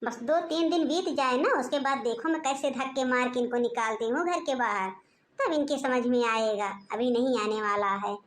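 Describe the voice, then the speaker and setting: A woman's voice: sits high, normal speed, lightly acted. A woman voicing a fussy, scheming old mother-in-law in a cartoon, complaining and nagging about food and her daughters-in-law. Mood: grumbling. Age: older. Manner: complaining, nagging, muttering plots to herself. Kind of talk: cartoon voice acting.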